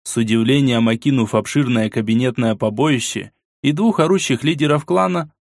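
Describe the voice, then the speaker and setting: A man narrating an audiobook in an expressive storytelling way. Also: mid-range voice, normal speed, gravelly, no echo, clean studio sound. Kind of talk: scripted narration.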